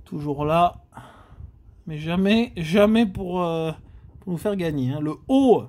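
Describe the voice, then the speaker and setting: A Frenchman scratches lottery tickets while giving casual commentary, exclaiming and groaning at each letter. His voice is on the high side and darkish in tone, with lively intonation, and he takes things slowly.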